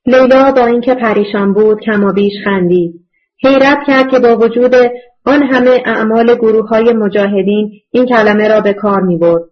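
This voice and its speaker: Subdued woman narrating an audiobook. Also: a little high. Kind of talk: scripted narration. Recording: dull lo-fi recording.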